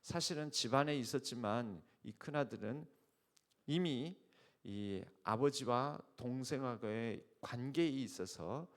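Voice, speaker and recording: A male pastor delivers an early-morning sermon in an emphatic, explanatory way, often posing rhetorical questions to the congregation and using fillers and restarts as he explains. His mid-range voice is animated and unhurried.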